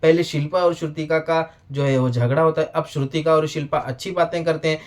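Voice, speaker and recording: A man giving a casual, animated video review, often addressing the show directly. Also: fairly high pitch, fairly quick.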